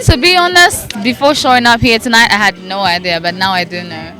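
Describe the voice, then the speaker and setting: A woman in her twenties, answering questions in a casual interview at an outdoor party, relaxed and quick to laugh. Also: mid-range voice. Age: 20s. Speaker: event guest. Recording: loud party music and crowd chatter.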